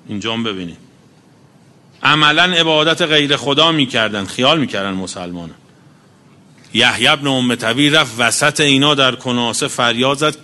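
A cleric with a mid-range, sharp-toned voice delivers a religious sermon, reciting Arabic quotations and explaining each one in plain language.

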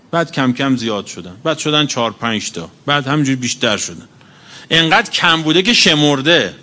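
A man's voice: medium pitch, sharp tone. A man preaching a religious sermon, reciting Arabic quotations and explaining each one in plain talk. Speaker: cleric.

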